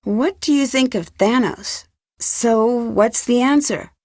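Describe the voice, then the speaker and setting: Slow and a little mellow, a young American woman's slightly high, clear voice delivers scripted lines as a polite, composed amateur detective in a mystery game. Her questioning, inquisitive manner comes through in a dry, echo-free recording with hardly any room sound.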